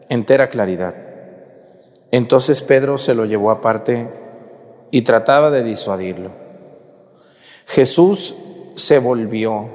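A man's voice: mid-range voice, darkish tone, big-room sound. A man, a priest preaching a sermon in a conversational way, with rhetorical questions to his congregation.

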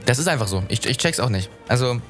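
A man's voice: mid-range voice, animated, fast, soft background music. A young man co-hosting a casual podcast while hungover, talking in a rambling, slangy way. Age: young adult. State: hungover with a headache. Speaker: podcast co-host.

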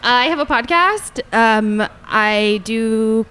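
A woman podcast guest with vocal fry, chatting casually in halting phrases full of "like". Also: fairly high pitch, expressive, fairly bright tone. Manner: hesitant phrasing with frequent "like". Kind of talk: casual chat.

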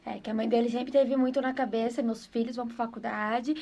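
A woman chatting quickly in a casual podcast conversation. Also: a little high, steady tone, warm tone. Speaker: podcast guest. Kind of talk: casual chat.

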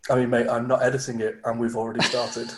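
Fast-talking joking male podcast host. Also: mid-range voice, completely flat delivery, a little hiss or hum. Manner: quick, joking, informal. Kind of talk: casual chat.

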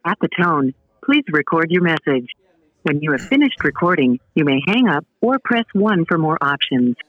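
A man's voice: a little high, normal speed, dry recording. A male automated voicemail system prompt, giving formal instructions over a phone. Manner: formal, even, machine-like instructions. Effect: automated voicemail system prompt heard over a phone. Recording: tinny phone line.

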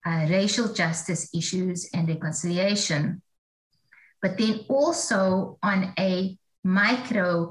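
A woman's voice: fairly low pitch, poor audio. A woman in her forties, a theology professor talking as a guest, chatty and reflective, laughing at herself. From South Africa. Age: 40s. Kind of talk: casual interview storytelling.

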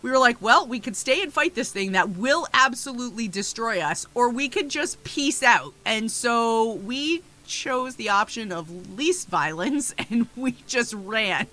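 Slow, bright-toned young woman. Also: a little high, animated. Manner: laughing, chatty storytelling. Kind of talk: casual chat.

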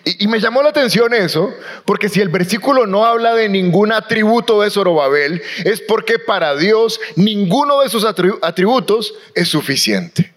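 High-voiced man preaching a sermon. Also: animated, normal speed, a bit bright. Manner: rallies the congregation to read aloud. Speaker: pastor.

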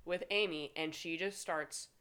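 Lower-voiced woman telling animated stories. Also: a little slow, clear, resonant tone. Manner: animated storyteller, acts out quotes. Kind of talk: casual chat.

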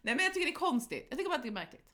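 A woman's voice: sits high, big pitch swings, pushed and bright. A woman in her thirties co-hosting a podcast, chatting casually, laughing often and trailing off mid-sentence. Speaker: podcast co-host. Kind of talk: casual chat.

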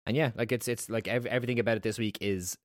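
A man's voice: mid-range voice, steady tone, fast talker. A man, co-hosting a casual political chat, ranting and swearing with sarcasm. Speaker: podcast co-host.

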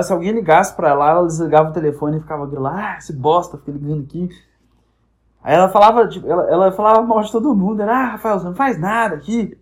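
Twenties male podcast host from Brazil, slightly high voice, animated comic storyteller, crude and profane, acts out quoted voices. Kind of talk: casual comic monologue.

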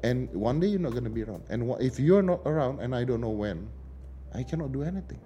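A man's voice: mid-range voice, lively intonation, brisk, mellow, soft background music. A man, a father, telling an emotional story in casual chat and acting out the dialogue with quotes in English. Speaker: podcast guest, father of a teenager. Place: podcast studio.

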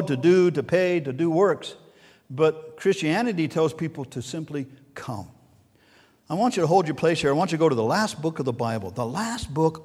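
A man preaching a sermon as pastor, swinging between soft and loud and repeating key words. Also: fairly high pitch, big-room sound.

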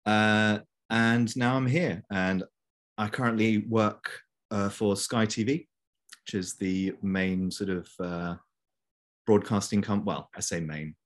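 Young male guest, low voice, rambling easy chat, video call. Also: steady tone, slow pace. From Belgium. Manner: chatty, many fillers. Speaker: interview guest. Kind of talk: casual conversation.

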